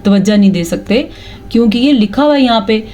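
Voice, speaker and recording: A woman teaching Quran recitation rules in Urdu. She explains each rule clearly, then recites the verses slowly and drawn out, with a Pakistani Urdu accent. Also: on the high side, lively intonation, mellow. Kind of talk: patient step-by-step recitation lesson.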